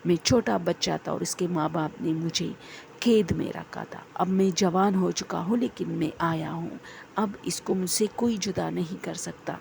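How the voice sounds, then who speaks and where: A woman's voice: fairly low pitch, vocal fry, darkish tone, slight background noise. A woman voicing an obsessive, possessive young male jinn in a horror story, speaking intensely and threateningly.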